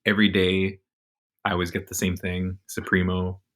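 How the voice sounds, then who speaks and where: A very low-pitched man with a nasal voice, trading wisecracks as a podcast co-host. His delivery is laid-back and casual, with easy banter. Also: monotone, moderate pace, fairly bright tone.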